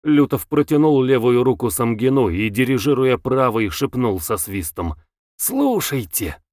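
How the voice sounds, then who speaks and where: A man narrating a novel as an audiobook, in a measured and expressive way. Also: medium pitch, no room sound, studio quality.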